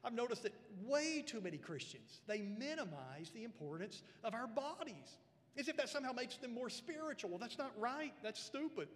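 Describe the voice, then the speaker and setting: Pastor guy preaching, pretty high voice, earnest, repeats himself, big echoey church. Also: big pitch swings, normal speed, fairly bright tone. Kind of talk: sermon. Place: church sanctuary. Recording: long church hall reverb.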